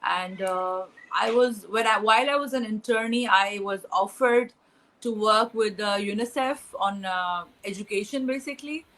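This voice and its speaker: A woman's voice: mid-range voice, normal speed, fairly bright tone, rough recording. A young woman from Pakistan answering interview questions, hesitant, with many fillers and restarts. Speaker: interview guest.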